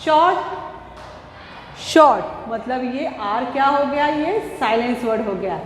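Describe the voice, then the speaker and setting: Brief: female teacher, Indian accent, unhurried and deliberate, repeats and quizzes, long reverb with faint hiss. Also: sits high, animated. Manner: slow, deliberate, repeats and asks questions back. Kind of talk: classroom lesson, mixing Hindi and English.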